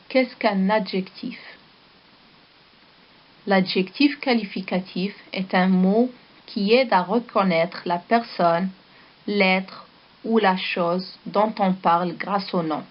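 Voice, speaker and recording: A woman teaching a primary school lesson with a Moroccan French accent, dictating words slowly and repeating each one. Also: medium pitch, muffled recording. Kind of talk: slow recorded classroom lesson.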